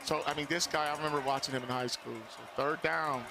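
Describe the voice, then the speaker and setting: A man's voice: on the high side, steady tone, quick pace. A man giving conversational color analysis during a live football game, explaining plays informally. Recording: clear stadium background noise. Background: outdoor stadium ambience.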